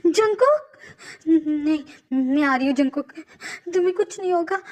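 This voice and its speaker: A frantic young wife in raw denial, as a woman acts her out, her high voice cracking into sobs and stammers. She pleads and insists over and over, swinging from shaky whispers to loud cries. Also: expressive, normal speed. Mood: panicked sobbing.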